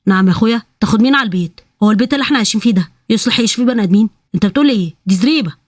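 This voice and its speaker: A grouchy, penny-pinching thief mocks his partner in rapid Egyptian Arabic, as a woman puts him on. The complaints tumble out quickly. The sound is dry and close. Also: a little high, lively intonation, no room sound. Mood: scoffing. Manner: sarcastic, complaining. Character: grumpy stingy male thief, sarcastic.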